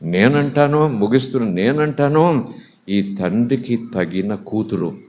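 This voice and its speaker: A man's voice: medium pitch, lively intonation, a little slow, a little mellow, muffled recording. A man preaching a sermon, telling a story dramatically with acted-out quotes and exclamations of praise. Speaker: pastor.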